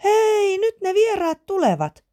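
A woman's voice: sits high, sing-song, no room sound, clean studio sound, voice pushed up. A woman voicing a cheerful, eager little girl who squeals with giggles, in a storybook reading. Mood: excited shouting. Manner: squealing giggles, shouted replies.

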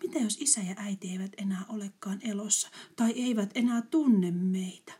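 A woman's voice: medium pitch, dark tone, breathy edge, pitched above the performer's own voice, natural voice. A woman voicing a small, timid girl in a storybook, speaking plaintively and fearfully.

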